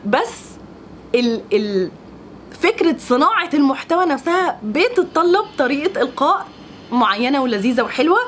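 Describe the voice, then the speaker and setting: Young woman, Egyptian accent, casual vlog, exasperated, laughs often, fast talker. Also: high voice, slight background noise. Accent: Egyptian Arabic. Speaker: vlogger.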